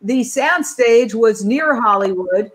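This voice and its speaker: A middle-aged woman hosts a panel over a video call, her voice sitting a little high. She talks in a chatty way and turns to her guests by name with questions. The sound is a plain webcam call. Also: lively intonation, slow pace. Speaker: panel host.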